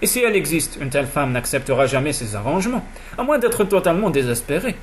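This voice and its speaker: A man's voice: a little high, sing-song, fast talker, a little hiss or hum. A man voicing a teasing young duchess. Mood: thoughtful. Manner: playful, mock-innocent. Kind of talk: audiobook character voice.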